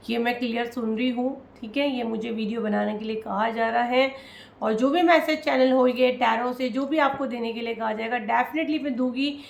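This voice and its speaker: A woman with a somewhat high, gravelly voice gives a tarot reading to her viewers. She talks in an emotional, consoling way and addresses them directly. The sound is echoey, as if from a bare room. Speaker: tarot reader.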